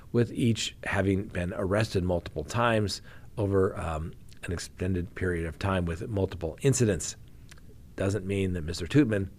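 A man with a slightly low voice hosts a crime news talk show. He reads out case details in a plain way, then breaks off with wry, animated jabs from his view as a criminal defense attorney. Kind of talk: casual commentary on crime news.

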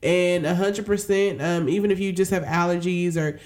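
A woman co-hosting a casual chat, expressive and playful. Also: lowish voice, moderate pace. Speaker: co-host.

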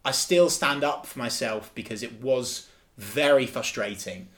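A man's voice: mid-range voice, unhurried, a bit bright. A man co-hosting a casual football podcast, talking emphatically and with enthusiasm, often repeating himself. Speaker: podcast co-host.

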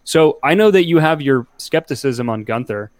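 A man's voice: mid-range voice, animated, moderate pace, dry recording. Man thinking aloud in a sports podcast. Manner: analytical, thinks aloud with restarts. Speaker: podcast co-host. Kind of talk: casual sports chat.

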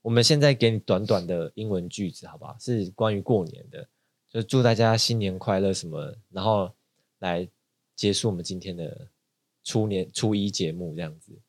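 A man's voice: low voice, moderate pace, dry recording. A man hosting a casual podcast chat, teasing his guest and laughing often. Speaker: podcast host.

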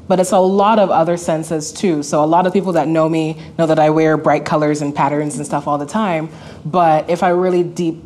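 A woman's voice: low voice, a little mellow, a little hiss or hum. A woman from Barbados, an interior designer, speaking reflectively and earnestly on a panel. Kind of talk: panel discussion.

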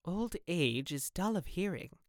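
A man's voice: high-pitched, animated, unhurried, no echo, studio quality, voice pushed up. A man voicing an aristocratic young duchess with an arch, teasing manner. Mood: wistful, coy.

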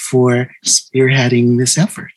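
A middle-aged woman from the US Midwest introducing herself on a panel, listing facts in a measured way with frequent pauses. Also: very deep voice, monotone, breathy edge, dry recording, rough recording.

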